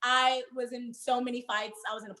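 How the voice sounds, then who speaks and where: Speaking briskly in a level, sharp tone, a young woman with a fairly high voice is heard in an echoey room. She's a Haitian-born performer raised in Miami, a guest in a relaxed interview who talks with animation and laughs a lot.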